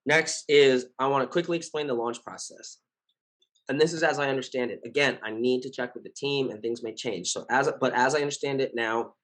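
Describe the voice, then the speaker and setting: Man, hoarse scratchy voice, mid pitch, casual founder update, rambling, lots of fillers, earnest, reassuring. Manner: rambling, full of fillers and self-corrections. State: hoarse, losing his voice. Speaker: project founder addressing his community. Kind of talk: casual spoken update to followers.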